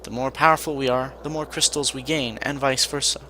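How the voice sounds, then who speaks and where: A man's voice: mid-range voice, steady tone, a little fast, noisy background, natural voice. A man voicing a young male Vahnatai apprentice mage who speaks stiffly and formally.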